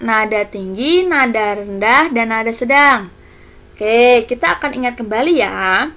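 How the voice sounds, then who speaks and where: Bright-voiced woman teaching children. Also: fairly high pitch. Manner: patient, explaining step by step to children. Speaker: primary school teacher. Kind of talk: online music lesson for children.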